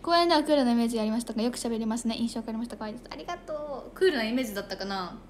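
A woman's voice: fairly high pitch, lively intonation, very fast, a little hiss or hum. A young woman chatting casually on a livestream, reading viewer comments aloud. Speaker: idol livestreamer.

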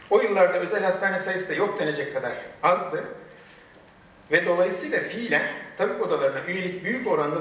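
A man speaking at a podium microphone in a large hall, giving a formal prepared speech with emphatic, measured delivery and rhetorical questions. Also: a little high, fairly bright tone. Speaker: medical chamber president giving a ceremony speech. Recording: very echoey hall, voice distant from the mic.

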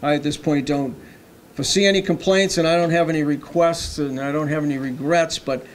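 A man who is a former council president giving informal thanks, halting and repeating words in a meeting room. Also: fairly high pitch, steady tone, a little hiss or hum. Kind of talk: informal acceptance remarks. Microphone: desk microphone.

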